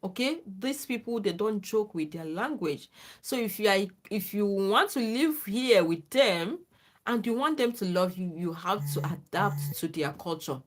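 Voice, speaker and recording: A woman who used to be a lecturer hosts a livestream, offering viewers sincere, casual advice in non-native English and frequently checking "okay?" to make sure they're following. Her voice sits in the mid range, lively yet measured in pace.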